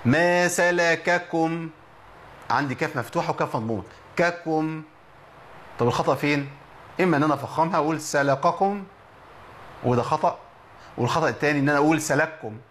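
A man with an Egyptian Arabic accent teaching Quran recitation, explaining quickly and reciting slowly to show mistakes. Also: fairly high pitch, slight background noise. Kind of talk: tajweed lesson.

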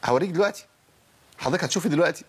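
A husky-voiced man with an Egyptian accent teaches Quran recitation at a quick clip. He fires questions at his listeners, answers them himself, and repeats letters and words to show how they should sound. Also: fairly high pitch, lively intonation. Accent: Egyptian Arabic. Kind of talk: tajweed lesson with spoken demonstrations.

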